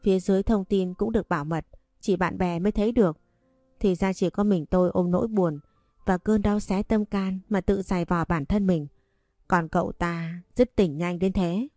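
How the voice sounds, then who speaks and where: A woman narrating a romance story in the first person, reading in an even, unhurried way. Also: on the low side, no echo, clean studio sound, faint music behind.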